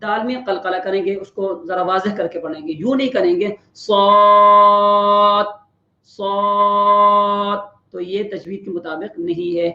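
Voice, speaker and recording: Quran pronunciation teacher, mid pitch, patient and explanatory, holds demo letters long; dull lo-fi recording. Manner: patient explaining, drawing out each letter slowly to demonstrate. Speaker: tajweed teacher. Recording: roomy, slightly dull lo-fi recording.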